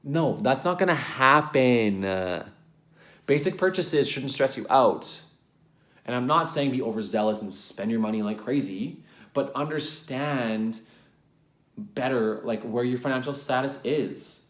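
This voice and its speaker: A man's voice: medium pitch, unhurried, echoey room. A man, a relationship coach, talking earnestly to camera in a casual vlog, rambling and correcting himself with many ums, sometimes getting worked up.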